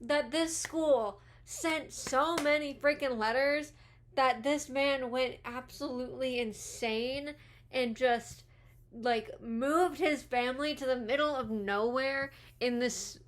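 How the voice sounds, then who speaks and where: A woman's voice: high voice, slow pace. A woman in her twenties giving chatty, giggly movie commentary and going off on tangents, speaking around new retainers.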